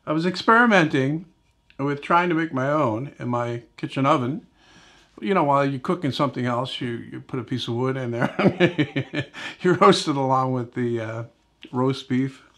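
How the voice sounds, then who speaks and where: Chatting in his indoor home woodshop, a middle-aged woodworking channel host speaks at medium pitch with a bit of brightness. His demo patter is rambling and conversational, full of self-corrections, "right?" and "you know".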